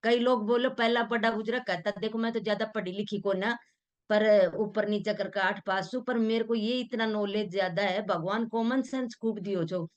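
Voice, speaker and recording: A woman's voice: mid-range voice, steady tone, normal speed. A middle-aged woman giving an earnest, homespun motivational talk, slipping into local dialect. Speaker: motivational speaker.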